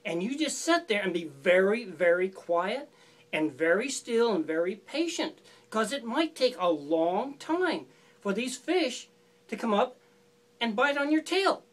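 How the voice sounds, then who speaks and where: A woman's voice: medium pitch, sing-song, unhurried. A woman voicing a sly male fox who gives falsely friendly, coaxing instructions in a folk tale. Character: sly scheming male fox, smooth talker.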